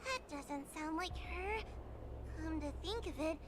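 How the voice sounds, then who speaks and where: A woman's voice: very high voice, unhurried, noisy background. A woman voicing a timid, anxious young girl in a video game, hesitant and childlike.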